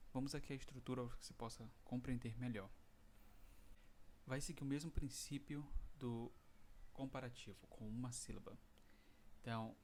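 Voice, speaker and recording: Reading English examples out slowly, a Brazilian Portuguese-accented man gives an online English lesson. He speaks in a mid-range voice with a somewhat dark tone, over a faint hiss or hum.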